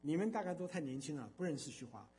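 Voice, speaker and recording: Older man, high voice, very lively pitch, emphatic church storytelling, lots of fillers. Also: quick pace, slight background noise. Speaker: speaker giving a testimony. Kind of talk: storytelling sermon.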